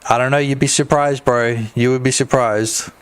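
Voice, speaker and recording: A man's voice: medium pitch, steady tone, moderate pace, clear, resonant tone. A man streaming his game development work, chatting casually and joking with his viewers while he works. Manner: chatty, joking, talks to chat. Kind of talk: casual livestream commentary.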